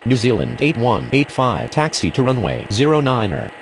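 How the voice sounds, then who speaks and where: A man's voice: medium pitch, sing-song, moderate pace, creaky. A man giving clipped airline pilot radio calls in formal air traffic phraseology. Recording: faintly noisy, vehicle-like background.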